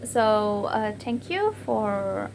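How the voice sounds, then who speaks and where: A woman's voice: mid-range voice, big pitch swings, drawn-out words, darkish tone, a little hiss or hum. A young woman giving a class presentation on word stress, hesitating with fillers and repeating each example word.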